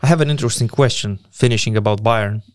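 A man's voice: fairly low pitch, fast talker, smooth, dry recording. A man co-hosting a basketball podcast, giving emphatic opinions in casual discussion and often repeating his point.

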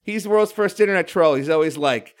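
A man, a comedian, chatting on a podcast in a deadpan way, dropping into hushed asides and sing-song quotes. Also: fairly high pitch, a little fast, a little hiss or hum. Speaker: comedian guest. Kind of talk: casual podcast chat.

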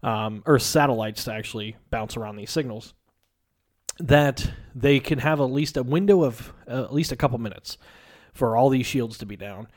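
A man chats casually in a middle-pitched voice as he walks through a movie scene by scene. He tells it with animation and slips in little acted lines of dialogue. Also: moderate pace. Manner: animated storyteller, acts out characters' lines. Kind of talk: casual chat retelling a movie.

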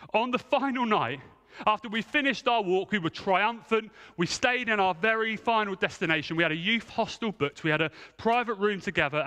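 A man's voice: high voice, sharp tone. A man preaching a sermon, telling a humorous, self-mocking story from the church stage. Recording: long reverb of a large hall.

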